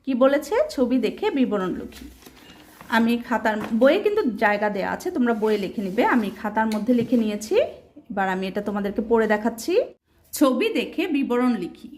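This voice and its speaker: A woman's voice: a little high, expressive, a little fast, a little mellow, slight background noise. A woman teaching a primary school language lesson, asking questions and answering them herself, spelling words out letter by letter. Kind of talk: explaining a children's textbook lesson.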